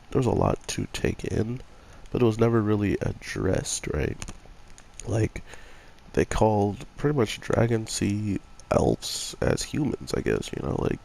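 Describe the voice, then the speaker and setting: A man's voice: fairly low pitch, vocal fry, a little mellow, a little hiss or hum. A young man with a stuffy cold, sniffling as he reviews an anime episode in a rambling casual chat full of fillers. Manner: rambling, many fillers like "like" and "you know".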